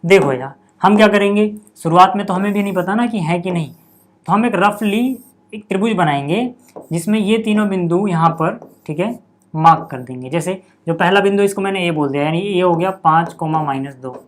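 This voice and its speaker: A man's voice: sits high, brisk. Chatty male maths teacher. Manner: chatty, repeats 'theek hai' and 'yaar' to students. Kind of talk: board lesson.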